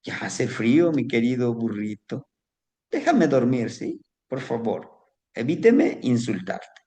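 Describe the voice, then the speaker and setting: A man's voice: medium pitch, big pitch swings, slow, warm tone. Man doing a vain pet pig in a folk tale. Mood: smug. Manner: pleading shrilly when caught. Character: smug vain pet pig, male, young.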